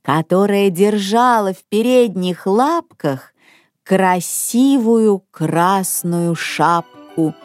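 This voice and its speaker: A woman reading a children's story aloud in an expressive, unhurried manner. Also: medium pitch, no echo, studio quality, faint music behind.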